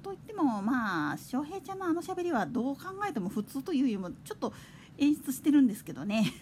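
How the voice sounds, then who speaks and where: A woman hosts her own talk radio show alone, her voice high and her pitch swinging up and down. She rambles from point to point in a loose, conversational way, with a faint hiss under the recording. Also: sing-song, fast. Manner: chatty, digressive, with soft laughs. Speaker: podcast host. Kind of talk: casual solo chat radio.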